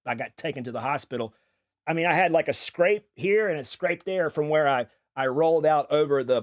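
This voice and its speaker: A man's voice: medium pitch, no room sound, clean studio sound. A young man telling a story while streaming, rambling, repeating words and swearing casually. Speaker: game streamer.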